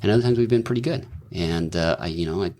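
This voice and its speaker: A middle-aged man who is a doctor and businessman appears as a podcast guest in a casual conversational interview. His voice is low-pitched and darkish, and he talks fast, thoughtfully and ramblingly, with many fillers and restarts.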